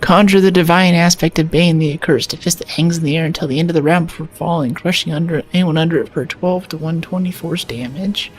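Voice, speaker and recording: A woman's voice: lowish voice, fast, few pauses, faint music behind. A woman streamer talking casually through a video game, thinking aloud and chatty. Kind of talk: casual gameplay commentary.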